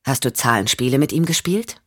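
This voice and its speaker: A woman voicing a calm male investigator who questions gently and patiently, for an audiobook. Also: extremely low pitch, brisk, dry recording, clean studio sound.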